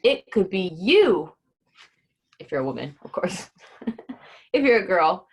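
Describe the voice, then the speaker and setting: On a relaxed livestream, a woman reads a children's book to kids, keeping her talk informal and breaking down difficult words so children can follow. Her lowish, breathy voice has a sing-song lilt, and she takes her time.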